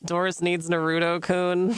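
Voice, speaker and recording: A man streaming and chatting casually, rambling and halting, laughing often at his own ideas. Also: sits high, fairly bright tone, smooth, dry recording.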